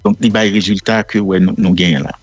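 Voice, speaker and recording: Low husky Haitian man, measured. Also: steady tone, no room sound. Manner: measured, explanatory, with frequent fillers. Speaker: guest. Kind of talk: casual radio interview. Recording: faint music in the background.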